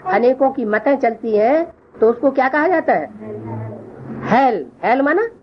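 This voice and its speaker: Woman, fairly high voice, leads a religious lesson, quizzing and teasing the class, dull lo-fi recording. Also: slight background noise. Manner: questioning, teasing listeners. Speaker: spiritual class teacher.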